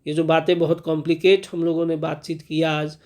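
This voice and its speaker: A man teaching English pronunciation as a lesson, checking in often with his students and drawing out the example sounds slowly. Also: on the high side, little pitch movement, a little mellow. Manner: repeats "clear ho gaya" and "theek hai" as check-ins; slow, drawn-out enunciation of example sounds. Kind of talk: classroom-style explanation.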